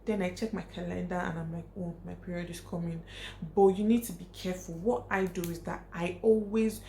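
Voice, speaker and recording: Young woman vlogging, kinda low voice, blunt and repeats stuff, echoey room. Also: steady tone, brisk, creaky, warm tone. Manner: frank, emphatic, repeats points for stress. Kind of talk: casual advice talk to camera. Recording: echoey room, faint hiss.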